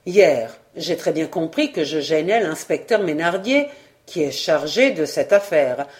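A woman reading a novel aloud, voicing a weary, detached male journalist in a low, slow, flat voice. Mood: reasoning.

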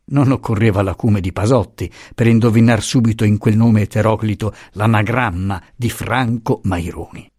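A man narrating a classic novel as an audiobook, measured and expressive, recorded close on a studio mic. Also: fairly low pitch, no room sound.

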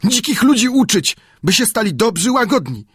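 A man doing a high, earnest young islander. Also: sing-song, moderate pace, a bit bright, husky, no echo, clean studio sound, full character voice. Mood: eager. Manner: pleading, simple broken phrasing. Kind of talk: audiobook character voice.

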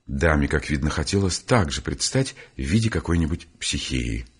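A man narrating an audiobook of classic literature in a measured, unhurried storytelling manner. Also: a bass voice, animated, husky.

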